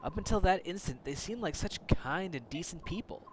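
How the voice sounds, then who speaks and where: A man's voice: high voice, expressive, normal speed, slight background noise. Fields: Figure: a man playing an earnest young mercenary hero. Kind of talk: reading game dialogue aloud.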